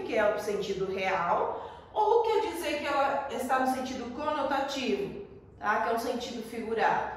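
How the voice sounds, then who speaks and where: A Brazilian woman teaching a school lesson, explaining patiently and often checking in with her class. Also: a little high. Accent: Brazilian Portuguese. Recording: echoey room, voice from far off.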